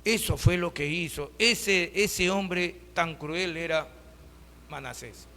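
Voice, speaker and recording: A man's voice: fairly high pitch, takes it slowly, sharp tone, in a large hall. A pastor delivering a sermon, who keeps asking his listeners rhetorical questions and calls them brothers. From Peru.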